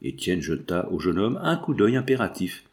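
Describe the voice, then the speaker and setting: A man narrating a nineteenth-century novel as an audiobook, in an even literary storytelling manner. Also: sits low, moderate pace. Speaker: audiobook reader.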